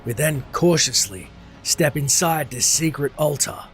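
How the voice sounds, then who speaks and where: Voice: medium pitch, animated, unhurried. Scripted game-story narrator with faint music. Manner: formal storytelling in first person plural.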